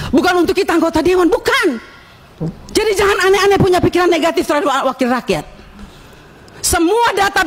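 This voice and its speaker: Very high, shouting woman lawmaker. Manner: indignant, scolding, raising her voice. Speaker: member of parliament. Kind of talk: impassioned speech at a parliamentary hearing.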